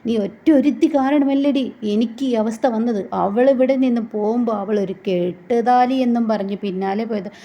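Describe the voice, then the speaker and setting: A woman voicing a bitter middle-aged mother who scolds harshly and slowly, in a dull lo-fi recording. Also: fairly high pitch, mellow, lightly acted. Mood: spiteful.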